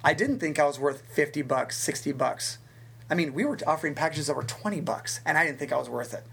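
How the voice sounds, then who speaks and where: A man with a fairly high voice tells stories as a guest in a relaxed interview. He is animated, and his voice jumps up and down in pitch as he goes. He often restarts his sentences mid-thought. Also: creaky, a little hiss or hum. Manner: animated storyteller with big pitch swings and quick restarts. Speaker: fitness instructor and guest. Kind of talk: storytelling in a conversational interview.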